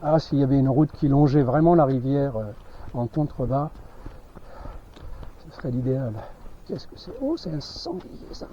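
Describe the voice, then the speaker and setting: A man's voice: mid-range voice, steady tone, moderate pace, pauses often, mellow. A man giving casual running commentary outdoors in the countryside, chatting to his animals as he walks. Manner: chatty, talks to his animals while walking. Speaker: vlogger traveling with animals. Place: outdoors in a rural village and countryside. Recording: dull lo-fi outdoor audio with faint noise.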